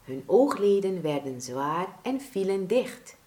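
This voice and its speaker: Slow, gentle woman storyteller. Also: mid-range voice, very animated. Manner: gentle, measured reading. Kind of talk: children's story narration. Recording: roomy echo.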